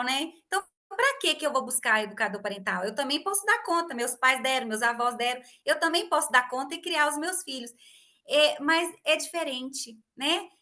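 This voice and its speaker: A high-pitched woman in her thirties hosts a casual podcast conversation. She tells an animated story and acts out dialogue from her family.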